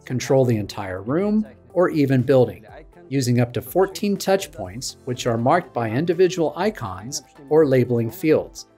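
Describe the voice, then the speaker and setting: Male presenter, 30s, polished keynote delivery, mid-pitched voice, light music under. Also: big pitch swings, moderate pace, dark tone. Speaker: product presenter. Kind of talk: scripted product keynote. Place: studio stage with dark backdrop.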